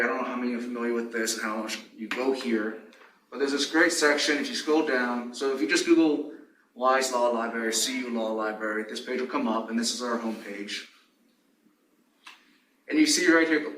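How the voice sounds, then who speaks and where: A man's voice: mid-range voice, fairly bright tone. A young man giving an informal instructional presentation as a library fellow, his voice muffled by a face mask. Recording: roomy, distant mic, faint noise, mask-muffled.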